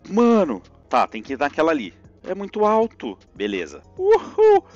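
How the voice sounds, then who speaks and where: Excitable Brazilian man streaming a game. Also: on the high side, moderate pace, no room sound, lo-fi sound, faint music behind. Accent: Brazilian Portuguese. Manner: excitable, yelps and groans at each jump. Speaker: streamer playing a platform game. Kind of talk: live gameplay commentary.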